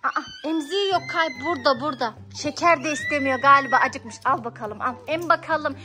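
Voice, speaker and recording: High-voiced mother coaxing her children. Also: a little fast, over music. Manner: lively, coaxing, talks to small children. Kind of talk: casual family vlog chat.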